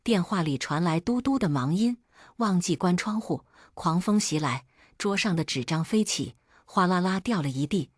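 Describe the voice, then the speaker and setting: A woman's voice: fairly low pitch, expressive, moderate pace, dry recording, clean studio sound. A woman narrating a romance novel in the first person, reading every part in her own voice. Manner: reads all parts in her own voice.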